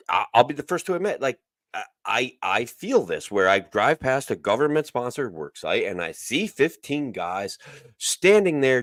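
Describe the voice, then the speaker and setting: A man in casual political talk whose voice swings widely in pitch. He uses vivid, dramatic phrasing. The sound is dry and close. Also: no room sound. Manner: animated, colorful and dramatic phrasing. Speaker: podcast host.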